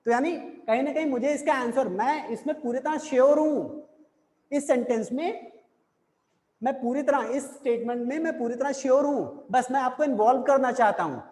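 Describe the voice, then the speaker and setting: A man teaching an English intonation lesson, explaining slowly and repeating example sentences over and over. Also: very high-pitched, a little mellow. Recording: echoey room with long reverb.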